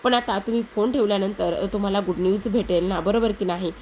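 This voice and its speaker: A woman's voice: mid-range voice, fairly even intonation, brisk, darkish tone, a little hiss or hum, natural voice. A woman voicing a sly, scheming young man, a son-in-law, in a serial recap.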